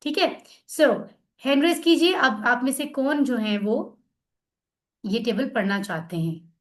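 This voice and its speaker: A woman's voice: sits high, measured pace. A woman teaching an online class, drilling words aloud and explaining patiently over a video call.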